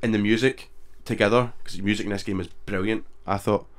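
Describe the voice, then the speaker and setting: A man, a co-host chatting casually about video games, relaxed and quick to laugh. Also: on the low side.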